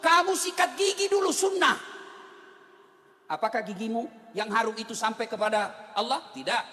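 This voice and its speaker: A man preaching a humorous sermon, telling lively stories and repeating rhetorical questions to the crowd. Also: very high voice. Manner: animated storytelling, repeats rhetorical questions, acts out characters. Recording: long hall reverb.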